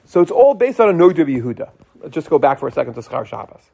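A middle-aged rabbi with a somewhat high-set voice leads an informal class. He talks in an animated, conversational way, posing rhetorical questions and answering them himself. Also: quick pace, vocal fry. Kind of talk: informal religious law lecture.

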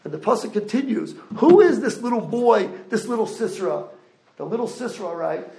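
A man delivers a Torah lecture in a high voice with a gravelly edge. He keeps throwing rhetorical questions at his listeners. The sound is roomy and echoey. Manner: animated, rhetorical questions to the audience. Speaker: rabbi lecturer.

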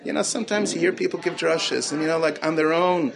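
A man's voice: fairly high pitch, fast, vocal fry. A man teaching as a rabbi, earnest, repeating key phrases for emphasis and mixing Hebrew terms into his English. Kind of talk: Torah talk answering questions.

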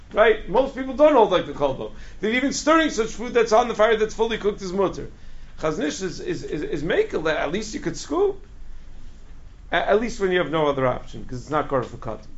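A man teaches a religious law class informally, his voice a little high and full of creak. He hammers points by repetition and question-and-answer phrasing. The recording is muffled and lo-fi. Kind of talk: informal lecture to a study group. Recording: dull lo-fi classroom recording, background noise.

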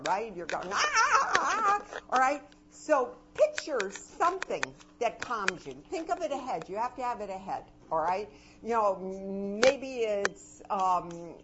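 An older woman giving an animated, anecdotal talk on parenting to a live audience, her voice swinging between soft and loud. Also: mid-range voice. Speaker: parenting and education speaker. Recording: dull lo-fi recording with loud noise.

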